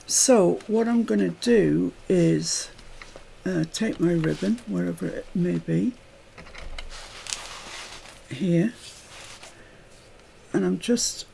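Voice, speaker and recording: Slow gravelly British woman crafting. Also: on the low side, mellow, a little hiss or hum. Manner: chatty, rambling asides while working. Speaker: craft tutor. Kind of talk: chatty crafting tutorial.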